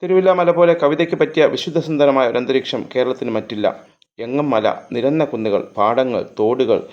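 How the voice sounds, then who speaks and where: A man narrates a literary story at a measured pace, lingering over long lyrical lists and now and then restarting a word. His voice sits at an ordinary male pitch, and the recording is slightly dull and lo-fi.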